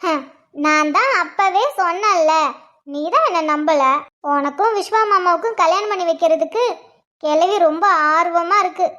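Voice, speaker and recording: A woman's voice: extremely high pitch, normal speed, bright, forceful tone, voice pushed down. A woman voicing a cheeky, nosy younger schoolgirl sister in a cartoon, prying and teasing. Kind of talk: cartoon voice acting.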